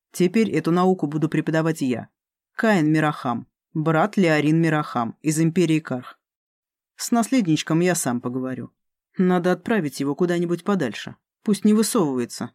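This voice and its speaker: A narrator doing a smug domineering dark god. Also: medium pitch, lively intonation, normal speed, no echo, studio quality, natural voice. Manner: drawling, commanding. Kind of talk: audiobook character reading.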